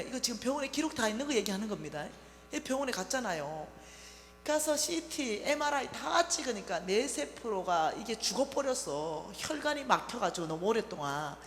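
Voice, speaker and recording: A middle-aged woman with a Gyeongsang Korean accent gives a testimony sermon at a church revival, telling her story in a lively, animated way. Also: a little high. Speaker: lay minister at a revival meeting. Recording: echoey church hall, faint hum.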